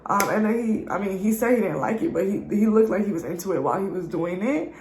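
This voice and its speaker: A woman's voice: medium pitch, animated, fast, a little mellow, roomy sound, low-quality recording. A young woman with a congested voice, chatting casually and slangily to her viewers as a YouTube reviewer. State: congested from allergies. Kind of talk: casual chat.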